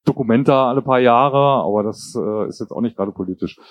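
A brisk, medium-pitched male voice comes through on a dry recording. The speaker is a fifty-something writer and political columnist, born in Jordan and raised in England and Germany with both German and English, reflecting hesitantly as a guest in a casual interview.

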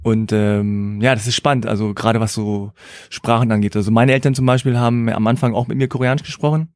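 A man in a casual conversation, telling anecdotes in a measured, steady way. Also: mid-range voice, no echo, studio quality. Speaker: conversation partner. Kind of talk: casual chat.

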